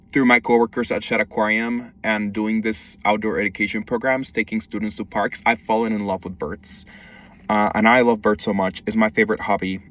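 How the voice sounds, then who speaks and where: Recorded on a distant microphone, this self-introduction video features a young wildlife conservation educator from Mexico speaking casually. He has a low-leaning, fairly bright voice.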